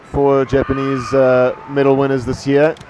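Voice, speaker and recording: A man with a New Zealand accent calling a kendo match live at a middling pitch. He stops and restarts often and fades to a murmur at the ends of lists. There is faint background noise behind him. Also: monotone, moderate pace. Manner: hesitant, many fillers, trails off quietly. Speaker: commentator. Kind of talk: live sports commentary.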